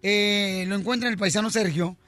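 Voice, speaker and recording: A male radio host, hosting a lively interview in a chummy, teasing way and calling his listeners champions. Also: high voice, moderate pace, faint music behind.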